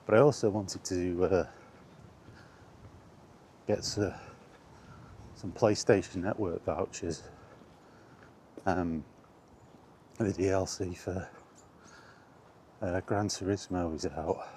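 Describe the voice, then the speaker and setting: Out on a path in windy weather, a vlogger chats to his camera in a deep, steady, somewhat mellow voice, speaking slowly and pausing often. He rambles and pokes fun at himself, with some mildly exasperated swearing. The camera audio carries wind and outdoor background noise.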